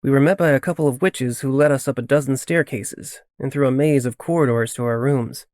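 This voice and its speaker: A man reading a first-person fantasy audiobook in a steady storytelling voice. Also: medium pitch, a little fast, dry recording, clean studio sound. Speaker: audiobook narrator. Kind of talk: first-person fiction narration.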